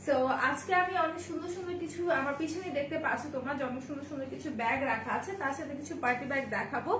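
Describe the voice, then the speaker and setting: Woman, live-sale host, chatty, greets viewers by name; fairly high voice, faint room hum. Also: very fast, fairly bright tone. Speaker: live-stream seller and host. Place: indoor shop with bags on display behind her. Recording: echoey room with faint ambience.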